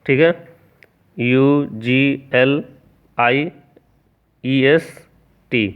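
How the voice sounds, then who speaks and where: A male teacher walks through a grammar lesson at an unhurried pace, spelling words out letter by letter and asking the class rhetorical questions. His voice is smooth and clear, but it comes through thin and tinny, like a phone line. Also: medium pitch.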